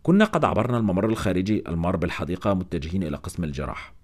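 A man narrating a first-person novel in an expressive storytelling manner, with wry asides. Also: low-pitched, rapid-fire. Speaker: audiobook narrator.

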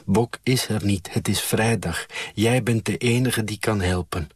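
A man with a husky voice reading the lines of a country doctor who speaks in short clipped commands, in an audiobook. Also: fairly low pitch, a little slow, dry recording, clean studio sound. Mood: urgent.

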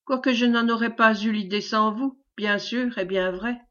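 A woman's voice: fairly high pitch, fairly even intonation, moderate pace, fairly bright tone, natural voice. Woman reading as a timid young peasant boy. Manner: hesitant, rustic country speech. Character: shy timid peasant boy, humble and earnest. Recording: dull lo-fi recording.

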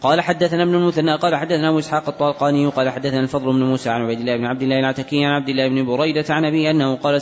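Very fast male reader reciting hadith. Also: mid-range voice. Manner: brisk, unbroken recitation of narrator chains. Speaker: student reader. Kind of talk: rapid reading of hadith text. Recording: dull recording with long hall reverb.

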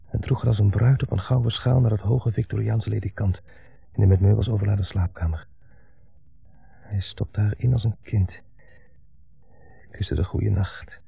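A brooding, gravelly son. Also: male voice, fairly low pitch, exaggerated voice. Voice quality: gravelly, husky. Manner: brooding, intense monologue. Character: grown son, bitter, dominated by his mother. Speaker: son caring for his mother. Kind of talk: 1970s radio play monologue. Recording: dull 1970s radio broadcast.

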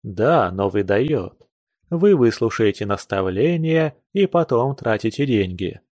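A man's voice: lowish voice, big pitch swings, measured pace, a little mellow, dry recording. A man reading a classic novel aloud, voicing a passionate, earnest young nobleman with urgent, lecturing speech. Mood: fervent.

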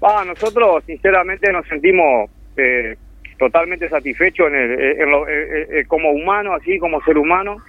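A man with a Uruguayan Spanish accent, a charity volunteer, phones in to a casual radio interview and talks earnestly and at length, heartfelt and rambling. His voice is a little high at a moderate pace. The telephone line sounds tinny and dry, with no echo.

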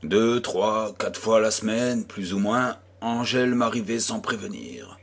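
A man narrates a classic novel aloud at an unhurried, deliberate pace. His voice sits a little low and has a husky grain. He reads steadily, with small shifts when the dialogue comes up. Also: expressive. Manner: slow, measured reading, voicing dialogue with small shifts. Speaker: audiobook reader. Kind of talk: literary audiobook narration.

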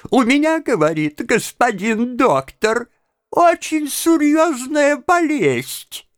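A man's voice: very high-pitched, sing-song, slow, pitched above the performer's own voice, exaggerated voice. Man doing a shaky, mumbling old woman. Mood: fretful. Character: frail trembling old woman at the doctor's.

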